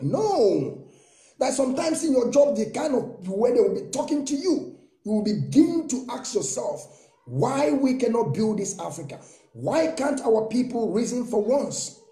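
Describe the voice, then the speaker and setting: A man's voice: very high-pitched, big pitch swings, moderate pace, dark tone, echoey room, soft background music. A man in his thirties with a Nigerian accent, giving a fervent monologue to camera with many rhetorical questions and repetitions. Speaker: political commentator. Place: small room indoors.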